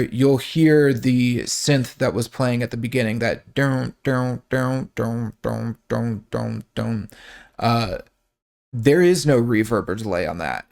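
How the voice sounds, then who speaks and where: A man's voice: mid-range voice, darkish tone. A man hosting a song breakdown, casually explaining the mix, thinking aloud with fillers and restarts, and humming sounds to show them. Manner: hums sounds to illustrate. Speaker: music breakdown host.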